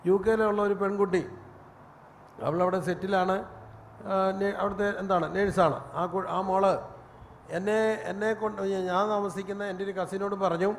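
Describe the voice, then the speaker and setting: High-voiced preacher in a reverberant hall. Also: male voice, a little slow, long pauses. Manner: animated storytelling, rising to a shout. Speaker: pastor. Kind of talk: sermon. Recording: long reverb, faint room noise.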